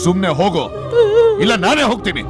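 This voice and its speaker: A man's voice: high voice, very animated, fast talker. An actor playing a cold, defiant male convict who taunts those around him in a sneering voice. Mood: scornful. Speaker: condemned criminal. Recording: film dialogue with music underneath.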